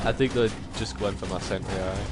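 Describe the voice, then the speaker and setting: A young man chats casually while playing a game, telling anecdotes and sharing opinions over music. His voice is on the low side and steady in tone, moving a little fast.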